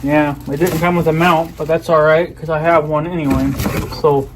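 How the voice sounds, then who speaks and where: A male video creator chats casually to viewers while unboxing and showing off an item, rambling and often trailing off mid-sentence. His voice is on the high side, with little pitch movement and a moderate pace. Background noise is clearly audible.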